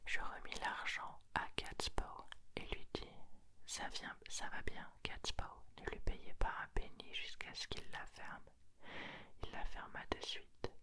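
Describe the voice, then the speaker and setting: Slow, close whispered literary reading. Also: bright, forceful tone. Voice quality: close, breathy, unvoiced whisper. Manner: slow, deliberate literary storytelling. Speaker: ASMR reader.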